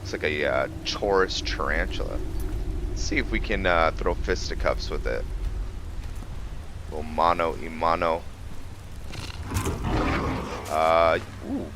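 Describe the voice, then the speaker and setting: A low-voiced man, a video game streamer hosting a let's-play, gives casual roleplay gameplay commentary. He talks haltingly, as if thinking aloud, over a noisy background.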